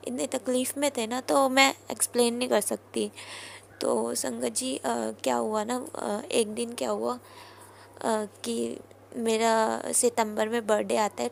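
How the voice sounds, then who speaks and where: A woman's voice: on the high side, gravelly, a little mellow, slight background noise. Earnest young woman telling a testimony. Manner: earnest, repeatedly addresses listeners as congregation. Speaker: devotee sharing a testimony. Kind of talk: spoken personal testimony to a congregation.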